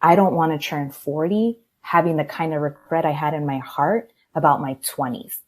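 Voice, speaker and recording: A woman's voice: deep voice, fairly even intonation, moderate pace, darkish tone. A woman in her thirties, a podcast guest speaking candidly and reflectively in a casual interview, laughing often. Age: 30s.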